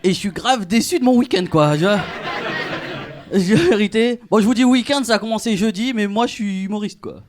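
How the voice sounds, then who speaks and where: Stand-up comic, man, high voice, slangy and animated, live club recording with background noise. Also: a little fast, a crowd in the background. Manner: casual slangy, animated, laughing through punchlines. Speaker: stand-up comedian. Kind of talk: stand-up comedy with crowd work. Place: comedy club stage.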